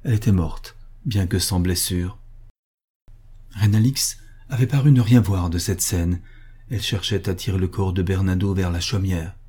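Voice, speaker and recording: This audiobook narration comes from a man whose low, dark voice carries a breathy, husky grain. He narrates the story gravely and at a measured pace, never straying from a steady, serious tone.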